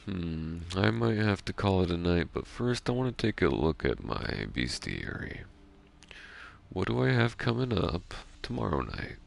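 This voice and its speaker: A man's voice: sits low, very animated, a little slow, gravelly. A man giving rambling, self-deprecating commentary while playing a game, keeping his voice down because it is late at night. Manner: soft-spoken, keeping quiet late at night. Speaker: gaming streamer. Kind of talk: casual gameplay commentary.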